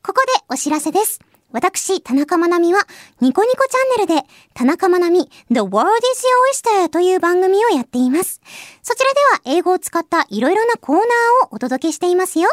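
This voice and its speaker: A woman's voice: very high-pitched, animated, no echo, studio quality. A woman from Hiroshima, Japan, hosting a solo radio show and reading listener mail, cheerful and friendly, with a Japanese accent when she speaks English. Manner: bright, cheerful and friendly, slow and careful in English, brisk in Japanese. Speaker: radio host and voice actress. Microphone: close studio microphone.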